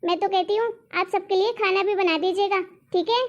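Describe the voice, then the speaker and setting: A sharp-tongued, vain young sister-in-law, as a woman narrator puts her on, mocking and refusing in a cartoon story, very high-voiced, on a dull lo-fi track. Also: fairly even intonation, a little fast. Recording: dull lo-fi recording.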